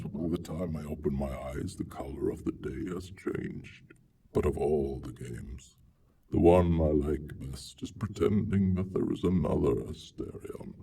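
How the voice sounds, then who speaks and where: A man voicing a proud, lonely monster in a hammy, theatrical dramatic reading, grandiose and pompous, with gravelly swells and breathy hushes. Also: low voice, full character voice. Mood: playful, eager. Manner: haughty, pompous. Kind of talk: dramatic reading of a literary monologue. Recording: distant mic with faint noise.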